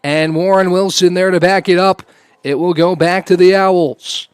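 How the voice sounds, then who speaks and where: A man's voice: high voice, fairly even intonation, normal speed, smooth, no room sound. A man giving live play-by-play commentary on a lacrosse game. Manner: raises voice to a shout on goals.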